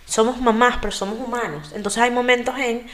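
A woman's voice: fairly high pitch, fairly even intonation, brisk, a bit bright. Spanish-speaking mother giving parenting tips. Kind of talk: casual talk-show chat.

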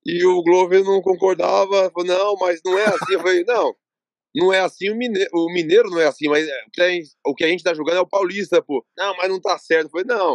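A man from Brazil chats as a podcast guest, his voice sitting a little high for a man. He rambles through stories and voices the back-and-forth of each exchange. The recording is dry and close, with no room sound. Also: steady tone, fast talker, no echo. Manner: rambling storytelling, acts out quoted dialogue. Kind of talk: casual interview chat.

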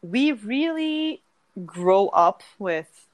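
This Iranian woman is a dietitian appearing as a guest in a conversational interview, musing on her work and food culture. She speaks at a medium pitch with big swings in intonation and drawn-out words.

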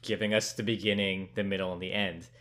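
A man with a fairly low voice shares his take on a movie in relaxed podcast conversation. He sounds thoughtful, often backing up and rephrasing mid-sentence. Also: fast talker. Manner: thoughtful, self-correcting, restarts often. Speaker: podcast co-host. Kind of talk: casual film review chat.

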